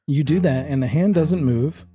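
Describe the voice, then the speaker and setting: Over music, a man with a fairly high voice speaks at a moderate pace as game master for a tabletop horror game. He's conversational and addresses the player directly, describing scenes in the second person. The narration mixes suspenseful storytelling with casual rules talk.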